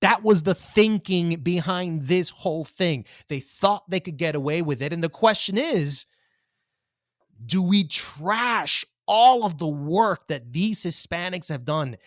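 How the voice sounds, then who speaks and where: A man's voice: high-pitched, animated, measured pace, no room sound. Podcast co-host guy, argues hard, voice jumping up and down, dry close mic. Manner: argumentative, emphatic, swears. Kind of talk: heated casual debate.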